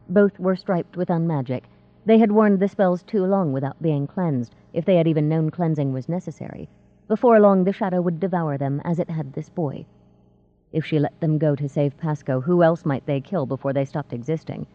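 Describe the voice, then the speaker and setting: A woman narrating a fantasy novel in a steady, measured reading. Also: low voice, no echo. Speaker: audiobook narrator. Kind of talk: scripted narration. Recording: tinny phone-like dry sound.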